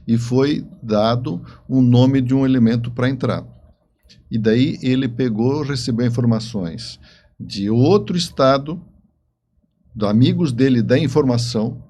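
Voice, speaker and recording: A man with a medium-pitched, mellow voice talks a little slowly as an interview guest. He tells stories conversationally, repeating phrases for emphasis.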